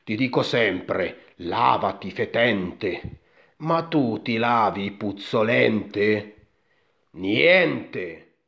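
A man's voice: lowish voice, animated, very slow, creaky, heavily acted. A man doing a nagging old mother. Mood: scolding. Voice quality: sharp, nagging. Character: bossy, scolding old mother. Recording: dull lo-fi recording.

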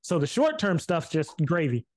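Animated man giving casual advice. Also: on the high side, normal speed. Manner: animated, repeats himself, swears casually. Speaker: podcast co-host. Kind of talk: casual chat.

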